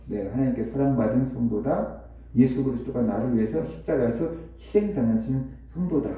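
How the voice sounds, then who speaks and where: A man preaching a conversational sermon as pastor, telling a story with rhetorical questions and lively repetition. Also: mid-range voice, brisk. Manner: repetitive, animated retelling. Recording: echoey hall, distant dull mic.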